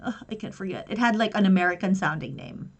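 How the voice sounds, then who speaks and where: A woman's voice: mid-range voice, fast talker. A young woman and pro wrestler chatting casually on a livestream as she unboxes something, rambling and giggling as she goes.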